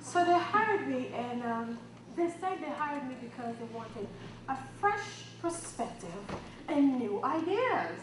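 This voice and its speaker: A woman's voice: high-pitched, a little slow. A woman from the Caribbean giving a humorous motivational talk at a conference, telling self-mocking stories and acting out dialogue. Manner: lively storytelling, self-mocking, acts out quoted dialogue. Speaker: keynote speaker. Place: conference hall. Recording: echoey hall from far off with background noise.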